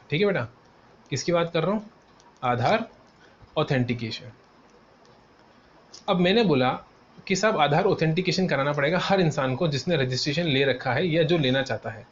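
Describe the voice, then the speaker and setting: High-voiced Indian man lecturing students. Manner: calls students "beta", answers his own questions in a student's voice, repeats key terms. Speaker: CA exam tutor. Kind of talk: classroom lecture. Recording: dull lo-fi sound with faint noise.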